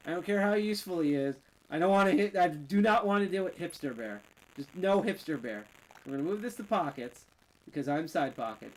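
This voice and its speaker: Heard on a rough recording, a mid-range voice belongs to a game streamer who's slightly tipsy. They play and chat casually, joking, rambling, and abandoning sentences to restart them.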